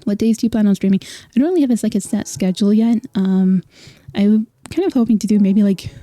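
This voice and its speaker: Brisk and mellow at medium pitch, this Scottish-born vtuber chats casually with her livestream viewers. Her accent sounds mostly American, and she talks a lot, apologizes often and fills her speech with fillers.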